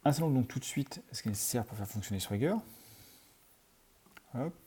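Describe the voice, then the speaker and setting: A man's voice: medium pitch, lively intonation, brisk, warm tone, husky. A man teaching programming in a screencast, talking through his code as he types, with many fillers. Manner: thinks aloud while typing, many fillers. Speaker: programming tutor. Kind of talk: screencast coding tutorial.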